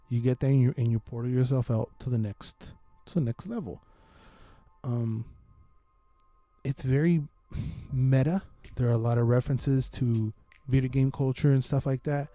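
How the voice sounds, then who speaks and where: Games and comedy specials get reviewed in a casual, slang-heavy podcast chat by a man whose mellow, mid-pitched voice carries no room sound.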